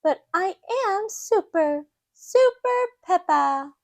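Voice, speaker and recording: A woman plays an earnest, excitable little girl pig from a children's storybook. The voice is childlike and pitched well up, exclaiming brightly in a very dry recording. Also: slow, no room sound, full character voice. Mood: proud, cheerful.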